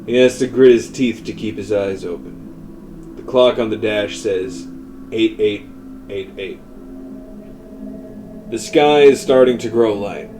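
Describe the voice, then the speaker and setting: A man narrating a scripted horror story in a measured way, often dropping to a hushed tone. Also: on the low side, faint music behind, rough recording.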